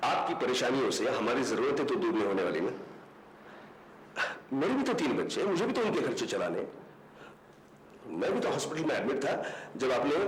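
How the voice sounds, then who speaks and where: An actor playing a bitter, volatile man who rages at his tenant and his father, often accusing and breaking into shouts. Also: medium pitch, a little hiss or hum, natural voice. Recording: dramatic music underneath.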